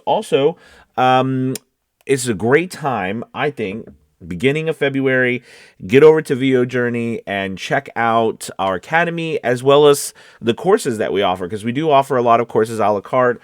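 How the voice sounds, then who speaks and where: This mid-range male voice belongs to a voice-over coach delivering an informal to-camera tutorial. He talks conversationally and keeps checking in with listeners, and the home studio recording is close and dry, without echo.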